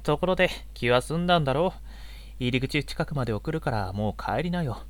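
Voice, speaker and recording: A man playing a gentle, easily exasperated young male unicorn in an audio drama role-play, with a polite, boyish, flustered manner. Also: mid-range voice, animated, a little fast, dry recording, lightly acted. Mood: resigned, weary.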